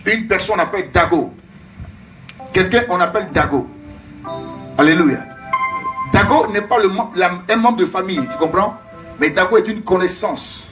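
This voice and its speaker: A man's voice: high voice, normal speed, pauses often, music in the background. A man preaching as a prophet, emphatic and repetitive, calling out names and Alléluia in call-and-response.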